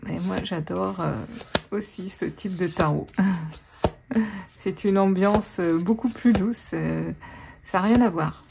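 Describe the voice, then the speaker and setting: A woman's voice: lowish voice, takes it slowly, gravelly, long pauses, noisy background. Chatty woman reading tarot. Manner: chatty and warm, many fillers and restarts. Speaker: tarot reader. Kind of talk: casual spoken tarot guidance.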